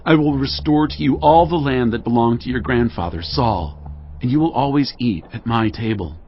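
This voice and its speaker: An actor playing King David, a gracious, devout king, in a dramatized audio Bible with earnest, measured delivery. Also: medium pitch, a little hiss or hum, close to an everyday voice. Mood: gracious, reassuring. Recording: dull lo-fi audio over music.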